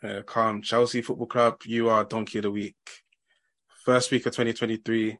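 A man's voice: fairly low pitch, little pitch movement, normal speed, fairly bright tone. London roadman-accented man hosting casually. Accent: London, multicultural roadman slang. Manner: laid-back, slangy. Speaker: podcast host. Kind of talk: casual football chat.

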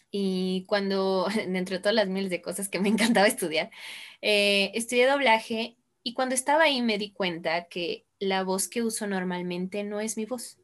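A woman's voice: mid-range voice, a bit bright. A woman speaking candidly as a panelist in a discussion, laughing now and then. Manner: candid, laughs while telling anecdotes.

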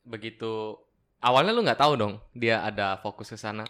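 A young man co-hosting a casual podcast, joking around in lively, slangy banter. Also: on the low side, normal speed. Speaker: podcast co-host. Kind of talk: casual chat.

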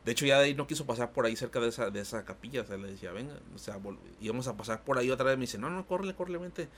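A man's voice: mid-range voice, very fast, fairly bright tone, a little hiss or hum. A man with a Mexican Spanish accent telling an anecdote in a casual podcast chat, rambling with many fillers. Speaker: podcast co-host.

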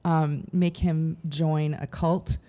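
Mellow-voiced woman chatting animatedly. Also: sits low, slow. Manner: animated, acts out quoted speech. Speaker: podcast co-host. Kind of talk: casual advice chat.

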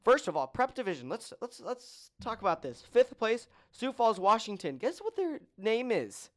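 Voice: medium pitch, big pitch swings, normal speed. A podcast host in casual chat, joking and running through long lists of results with many ums.

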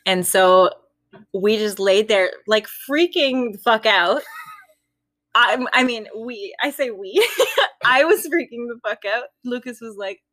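A woman's voice: fairly high pitch, measured pace, a bit bright, no echo. Young woman telling a ghost story, giggles a lot, dry close mic. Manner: giggly, laughs between sentences. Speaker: storytelling guest. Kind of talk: casual spooky storytelling.

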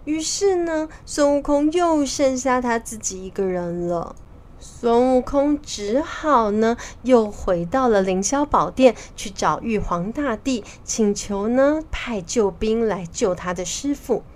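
Mom reading a kids story, higher voice, bouncy and sing-song. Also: female voice, measured pace. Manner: lively, sing-song, trailing particles. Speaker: mother telling stories. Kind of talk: children's storytelling.

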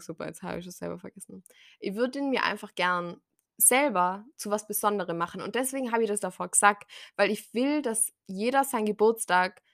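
A woman's voice: mid-range voice, fairly bright tone, dry recording, clean studio sound. A young woman, hosting a casual solo podcast and acting out conversations as she chats. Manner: chatty, acts out conversations in quoted voices. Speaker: podcast host.

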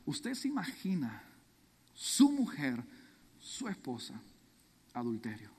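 A man's voice: mid-range voice, wildly swooping pitch, slow pace, a little mellow, long reverb tail, slight background noise. A man, a youth pastor, preaching a sermon with dramatic storytelling.

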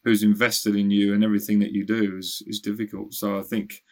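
Man, interview guest, low voice, flat delivery, measured. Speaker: cricket bowling coach guest. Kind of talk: casual conversational interview.

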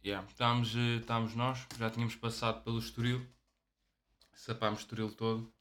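A man's voice: mid-range voice, brisk, a little hiss or hum. Laid-back young Portuguese man. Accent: European Portuguese. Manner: relaxed storytelling, peppered with English "yeah". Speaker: podcast co-host. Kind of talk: casual chat.

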